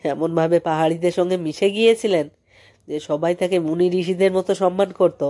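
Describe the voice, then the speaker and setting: A woman narrating a mystery audiobook in a measured storytelling manner. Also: on the low side, fairly even intonation, mellow.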